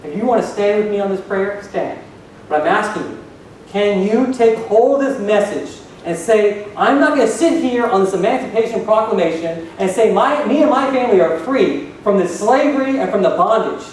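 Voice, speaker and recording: Male pastor, sermon, high voice, booming echo, distant from the mic, questions the crowd. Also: lively intonation, moderate pace, a little mellow, slight background noise. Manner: preaching with questions to the congregation. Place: church hall. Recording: echoey hall, voice from far off.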